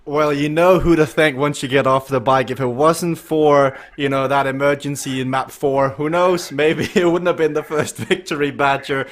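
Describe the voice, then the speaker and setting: A man with a fairly high voice calls a live virtual bike race as host. He talks quickly through the action and climbs to near-shouts as the finish nears. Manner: excitable, rising to shouts at the finish. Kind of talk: live esports cycling commentary.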